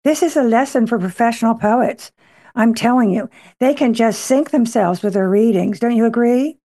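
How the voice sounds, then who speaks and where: A woman's voice: fairly high pitch, normal speed, mellow. A woman hosting a poetry interview program, emphatic and familiar in her way of talking. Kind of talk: conversational interviewing and program announcements.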